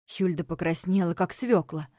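A woman narrating a children's story with animated, expressive storytelling. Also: lowish voice, normal speed, dry recording, studio quality.

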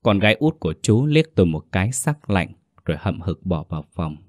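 A man tells a scripted ghost story in a steady, earnest first-person voice. His pitch sits low and the close mic leaves it dry, with no room around it. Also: fairly quick, dry recording.

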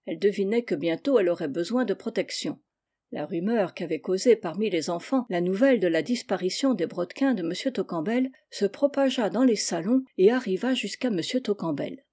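A woman narrates a classic novel with calm, even storytelling. Her voice is mellow and warm, sitting at a middle pitch. The pace is steady and unhurried. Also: breathy edge. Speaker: audiobook narrator. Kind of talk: scripted narration.

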